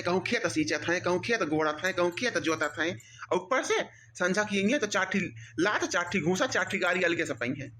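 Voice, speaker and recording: With a mid-range, slightly bright and natural-sounding voice, a performer plays a mocking, self-satisfied young husband in a cartoon comedy in Awadhi. He speaks with an Awadhi accent, teasing and bragging in a rambling way, while faint background noise can be heard.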